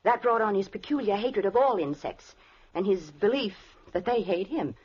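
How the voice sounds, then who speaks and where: An actress playing a scientist's dutiful, guarded wife in an old-time radio drama, proper and earnest. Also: female voice, medium pitch, animated, moderate pace, darkish tone, breathy edge. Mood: earnest, protective. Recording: muffled old radio recording.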